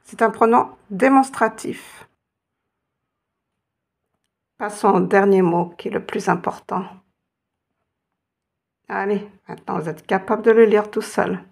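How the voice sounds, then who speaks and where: Brief: woman teacher, patient and encouraging, unhurried delivery with a gravelly edge. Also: mid-range voice, darkish tone. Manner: patient, encouraging, spells out sounds slowly. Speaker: Arabic teacher. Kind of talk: reading lesson.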